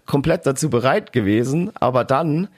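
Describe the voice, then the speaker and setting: Guy, mid-pitched, chatty storyteller, dry mic. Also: lively intonation, normal speed, dry recording. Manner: storytelling, acting out quotes in a low mumble. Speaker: podcast co-host, band member. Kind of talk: casual anecdote telling.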